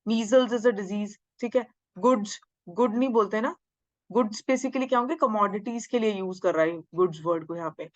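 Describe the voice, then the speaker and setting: Woman teacher, exam-prep grammar lecture, slow drawn-out lines, dry slightly dull sound. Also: mid-range voice, dry recording. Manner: mixes Hindi and English, drawls English sentences slowly, asks and answers own questions. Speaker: English teacher.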